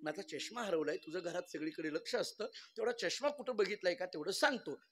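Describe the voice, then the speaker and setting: A man's voice: high voice, expressive, brisk, fairly bright tone. Man playing a forgetful old husband, fussy, calling out around the house. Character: forgetful retired husband, grumpy then relieved.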